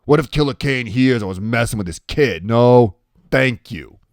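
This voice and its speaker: A man voicing an irritable, scornful tough guy in an audiobook story, with gruff, slangy commands. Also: mid-range voice, lively intonation, moderate pace, no echo, clean studio sound, voice pushed up.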